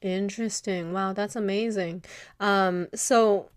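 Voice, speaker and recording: A woman's voice: mid-range voice, steady tone, slow pace, smooth, no echo, clean studio sound. A woman hosting a podcast interview, a little sick, chatty and friendly with many fillers. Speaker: podcast host. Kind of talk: casual interview chat.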